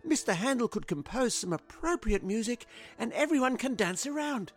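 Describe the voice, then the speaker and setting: A man's voice: very high voice, lively intonation, normal speed. A man voicing an enthusiastic male courtier planning a royal river party. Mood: eager. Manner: eager, listing ideas.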